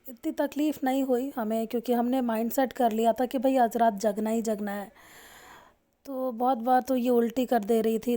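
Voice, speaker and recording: A young woman narrating a family vlog as a new mother, coaxing her baby with soft baby talk. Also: a little high.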